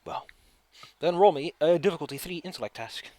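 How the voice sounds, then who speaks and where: A man's voice: fairly high pitch, expressive, brisk, mellow, no room sound. A man narrating a tabletop game as game master, describing scenes to the players.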